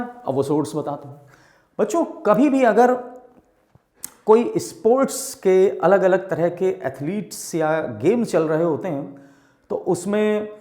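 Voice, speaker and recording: Male vocab teacher, high voice, slow deliberate delivery, roomy echo. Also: darkish tone. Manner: addresses students as children, asks questions and answers them himself; spells out and repeats words slowly. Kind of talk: vocabulary lesson for exam students.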